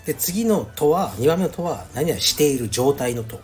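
A man's voice: fairly high pitch, lively intonation, moderate pace, a little mellow, soft background music. A middle-aged man hosting a casual podcast chat, playful and teasing as he explains dialect words. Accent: Hakata dialect when he chooses. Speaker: podcast host.

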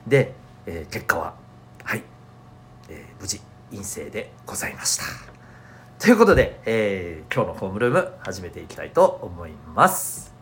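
Man with a stuffy nose, very lively pitch. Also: moderate pace, a little hiss or hum. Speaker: host of an audio show for schoolchildren and parents. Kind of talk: chatty solo podcast talk.

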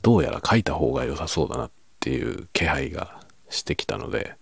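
A man speaks in a quiet, nighttime murmur, chatting casually and keeping his volume down. His voice is extremely deep, with a husky, creaky grain. It is recorded close and dry, and now and then it slips toward a whisper. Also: sing-song, quick pace, no echo. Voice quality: low, gravelly, husky. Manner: quiet, hushed low-volume talking as if at night, drifting into whisper. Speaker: video creator and host. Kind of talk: late-night casual soft-spoken chat.

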